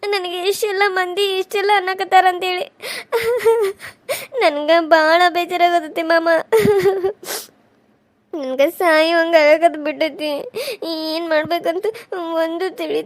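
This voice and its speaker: Heartbroken young wife in a cartoon, sobbing, pleading, high flat voice. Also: female voice, a little fast. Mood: tearful. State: crying. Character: tearful young wife, hurt and blamed.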